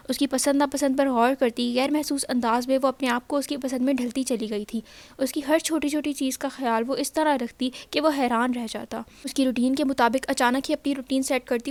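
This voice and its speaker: A woman reads a romance novel aloud in a soft, even storytelling manner. Her voice is high and the recording is close and dry. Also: no echo. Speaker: narrator. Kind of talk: scripted novel narration.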